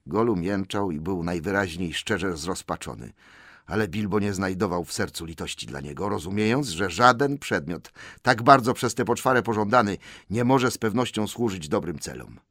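A man reading an audiobook aloud in an expressive style that builds suspense. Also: sits low, normal speed, no room sound, studio quality. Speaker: audiobook narrator. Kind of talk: dramatic audiobook narration.

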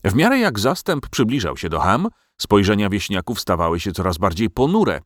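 A man narrating a storybook tale for an audiobook. His voice sits low but swings widely in pitch with expressive storytelling. The recording is dry and close. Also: no room sound.

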